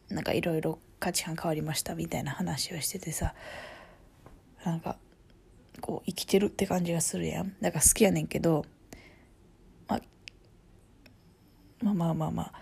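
A woman with a Kansai accent chatting casually as a vlogger, rambling and often dropping to a soft half-whisper. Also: on the low side, creaky, husky. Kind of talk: casual chat.

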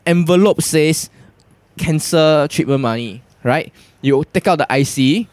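A man's voice: on the high side, measured pace, a little mellow, dry recording. A man with a Singaporean accent chatting casually as a podcast co-host, in colloquial Singlish full of particles and repeated words. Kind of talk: casual chat.

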